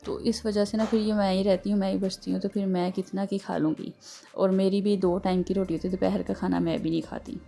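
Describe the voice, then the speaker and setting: A chatty woman talks through her housework in a rambling, homely way, leaning on small fillers. Her voice is dark and mellow with a gravelly edge and a slightly sore throat, recorded at home in a kitchen. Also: medium pitch, little pitch movement, a little fast. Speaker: home vlogger. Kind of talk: casual chatty home vlog narration.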